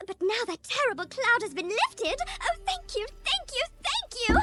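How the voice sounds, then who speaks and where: Tiny, very high-pitched pixie fairy. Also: female voice, sing-song, moderate pace, pushed and bright, heavily acted. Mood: relieved, grateful. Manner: high, fluttery pixie voice, effusive. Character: tiny joyful grateful female pixie fairy. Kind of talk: animated fantasy game acting.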